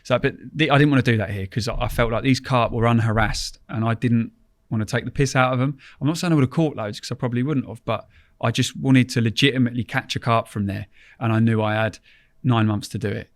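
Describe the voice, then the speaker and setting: A man's voice: medium pitch, fast, no echo, studio quality. A man telling casual, rambling anecdotes as a podcast guest in informal, colloquial speech.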